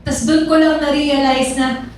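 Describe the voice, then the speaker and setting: A woman's voice: high voice, level tone, unhurried, darkish tone, slight background noise. A woman giving her personal testimony in church, talking conversationally to the congregation and asking them rhetorical questions. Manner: conversational, code-switching, addresses audience with rhetorical questions. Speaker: testimony speaker. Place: large church hall. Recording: echoey hall from far off.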